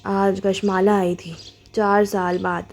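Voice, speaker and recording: A woman voicing a bitter, defensive wealthy young man in a storybook reading, pitching her voice low and sounding aggrieved. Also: flat delivery, close to an everyday voice.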